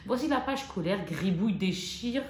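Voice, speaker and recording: Casting note: French woman haul vlogger, bouncy pitch, chatty, roomy sound. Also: normal speed. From France. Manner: chatty, excitable, joking asides. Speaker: vlogger showing a shopping haul. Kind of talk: casual chat to camera. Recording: echoey room with faint noise.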